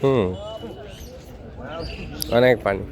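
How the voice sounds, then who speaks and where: A man, chatting gently with his small child outdoors and coaxing him along with soft hums. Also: mid-range voice, extremely slow, a loud crowd. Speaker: father and vlogger. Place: outdoors by a river. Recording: noisy outdoor recording.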